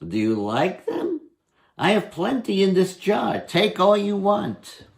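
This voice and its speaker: A man's voice: high-pitched, big pitch swings, slow pace, creaky, pitched above the performer's own voice, full character voice. A man playing a bold, wry, unafraid trickster hero in a storybook reading. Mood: sly.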